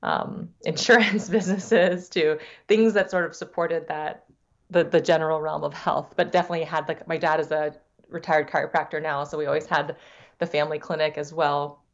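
A middle-aged woman investor, raised in the United States with Thai as her first language, speaks reflectively as a guest in a podcast interview. Her voice is low with fairly even intonation at a moderate pace, and the sound is lo-fi. She often restarts her sentences and repeats words.

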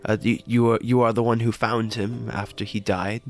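A man's voice: on the low side, level tone, soft background music. Stammering man role-playing an interrogator. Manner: stammering, repeats words, halting. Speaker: tabletop game player. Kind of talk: improvised role-play, questioning in character.

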